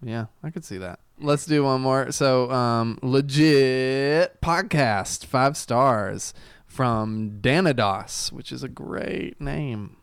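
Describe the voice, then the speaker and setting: A man's voice: mid-range voice, lively intonation, slow pace, gravelly, clear, resonant tone, no room sound, studio quality. A man co-hosting a casual podcast, joking and teasing while reading listener reviews aloud. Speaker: podcast co-host.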